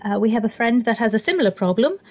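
A woman's voice: on the high side, expressive, quick pace. A woman playing in a tabletop game, improvising dialogue in a chatty, hesitant, apologetic, rambling way. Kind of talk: improvised in-character chat. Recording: music under the voice.

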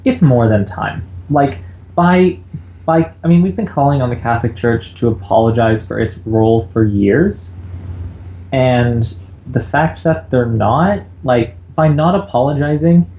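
Over a bad video-call connection, a podcast co-host talks earnestly in a mid-range voice, a little slowly. The audio is dull, lo-fi and roomy, with faint background noise.

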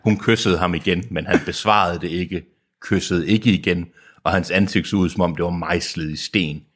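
A man's voice: low voice, fairly even intonation, fairly bright tone, husky. A young man reading a romance passage aloud in a mock-dramatic, overdone way, often breaking into laughter. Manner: reads with exaggerated sensual delivery, breaking into laughter. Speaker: podcast co-host reading a novelization aloud. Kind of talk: comic dramatic reading with asides.

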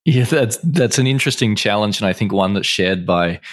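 Male podcast host, lowish voice, friendly and encouraging, dry close sound. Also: expressive, normal speed, no echo. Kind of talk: conversational interview.

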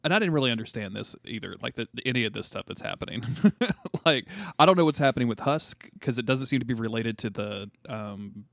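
A tired man with a slightly high, gravelly voice rambles casually as a podcast co-host. He halts and swears as he talks through comics, and the sound is close and dry. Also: animated, a bit bright, no room sound. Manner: halting, rambling, profane. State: tired from very little sleep. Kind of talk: casual comic book discussion.

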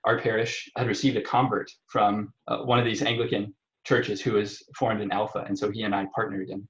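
Roomy, slightly dull low-voiced male guest. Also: level tone, brisk, a bit bright. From Omaha area, Nebraska. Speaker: podcast guest, parish evangelization coordinator. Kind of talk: conversational personal testimony.

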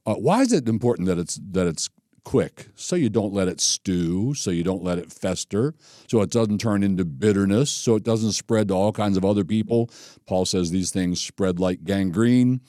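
Mellow-voiced pastor preaching conversationally. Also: male voice, low voice, normal speed, no echo, clean studio sound. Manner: conversational, animated, acts out scripture and quoted speech. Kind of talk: sermon teaching.

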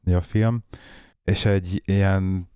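A man's voice: low-pitched, fairly even intonation, warm tone, clean tone, no room sound, clean studio sound. A Hungarian man chatting casually as a podcast co-host, slipping into an English accent for foreign names and titles. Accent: English-tinged when saying English titles in Hungarian. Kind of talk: casual chat.

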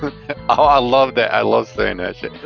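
A man's voice: medium pitch, moderate pace, gravelly, lo-fi sound, soft background music. A man in his forties chatting casually on a podcast, laughing and mocking himself. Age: 40s. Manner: laughing, self-mocking, quotes himself in put-on voices. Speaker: podcast co-host. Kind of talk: casual chat.

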